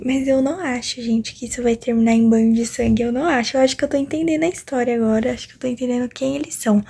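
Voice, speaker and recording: A woman's voice: high-pitched, mellow, slightly rough. A young woman from Brazil chatting casually and emotionally about a book in a reading vlog, full of slang and fillers. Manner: emotional, slangy, swings between laughing and crying; chatty and informal, lots of fillers. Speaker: book vlogger.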